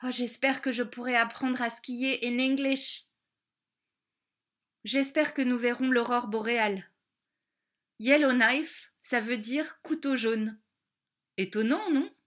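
A woman reading a children's storybook aloud, slowly and carefully spelling out each word, with little English lessons woven in. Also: fairly high pitch, fairly even intonation. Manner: slow, careful, clearly spelled-out words. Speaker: audiobook reader.

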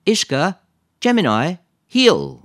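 A man's voice: medium pitch, huge pitch swings, measured pace, no echo, clean studio sound, voice pushed up, heavily acted. A man voicing a cheerful English teenage girl who trains her dogs, in an audiobook reading. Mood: commanding. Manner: bright, confident, commanding with dogs.

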